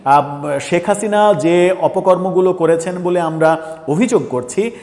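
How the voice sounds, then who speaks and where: A man's voice: sits high, a little slow, darkish tone, big-room sound. A man giving a political commentary monologue, earnest and pressing, with frequent filler sounds and restarts.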